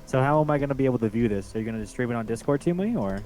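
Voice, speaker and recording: A man's voice: medium pitch, lively intonation, racing, darkish tone, a little hiss or hum, poor audio. A man chatting casually on a voice call with a streamer, easygoing, with brief replies. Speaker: co-streamer voicing characters.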